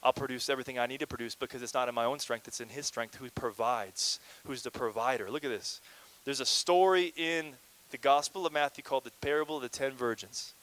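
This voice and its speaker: A male pastor from Canada preaching a lively, conversational sermon with playful asides and calls to the congregation. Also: medium pitch, brisk, poor audio.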